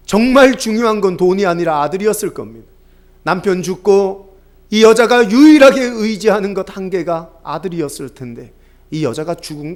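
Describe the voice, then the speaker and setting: High-voiced man preaching an impassioned sermon. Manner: impassioned, swelling into fervent exhortation; storytelling, acting out quoted dialogue.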